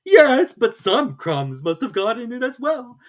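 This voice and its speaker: An eccentric storybook gentleman hatter, played by a woman, grumbling and contradicting everyone. The voice jumps well above a normal talking pitch and swings about emphatically, with music underneath. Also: very animated, measured pace. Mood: irritated.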